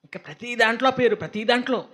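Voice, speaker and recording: Guy preaching, high bright voice, super animated, lots of mocking asides. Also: quick pace. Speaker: pastor. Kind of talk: sermon.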